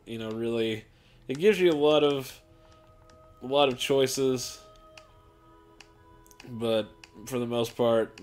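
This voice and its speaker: A gaming channel host casually talks through a video game's character creator late at night, rambling and offhand with plenty of fillers, tired and yawning. His voice is medium-pitched and a little mellow.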